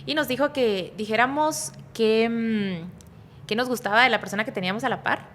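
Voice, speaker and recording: On a podcast, a woman pastor with a Guatemalan Spanish accent speaks at a moderate pace in a fairly high voice, with slight background noise and a studio microphone kept at a distance. Casual and rambling, she interrupts herself and adds little tag questions, describing her own speech as soft but energetic.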